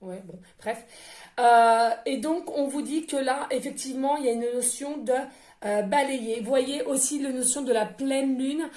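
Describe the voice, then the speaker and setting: Her voice high, unhurried and darkish in tone, a female medium reads oracle cards for viewers. She's casual and gushing, repeating herself and leaning on fillers, recorded in an echoey room with faint background noise.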